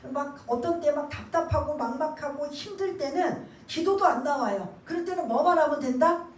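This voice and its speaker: A woman pastor giving a sermon. She asks the congregation questions and waits for their answers, and drops to a hushed voice when she acts out a prayer. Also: high voice, normal speed, a little hiss or hum. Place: church sanctuary. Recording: echoey church room, mic at a distance.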